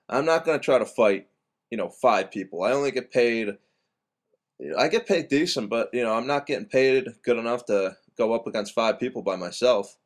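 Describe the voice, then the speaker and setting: A young man tells a story straight to the camera in a loose, casual vlog. He rambles and restarts his sentences, fills the gaps with ums, and swears bluntly as he goes. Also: medium pitch. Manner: rambling with many restarts and fillers. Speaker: bouncer.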